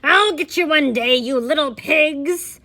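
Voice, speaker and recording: Woman doing a shouting big bad wolf. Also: sits high, measured pace, voice pushed up, exaggerated voice. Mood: angry. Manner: loud and shouting. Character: angry big bad male wolf, snarling villain.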